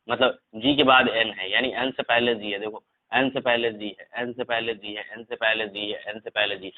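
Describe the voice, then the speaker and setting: A male teacher walks his students through spelling rules, going over each point more than once and pausing to check they follow. His voice sits at an ordinary middle pitch. The sound is thin and narrow, like a phone line. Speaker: English teacher. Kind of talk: classroom lesson explaining spelling rules.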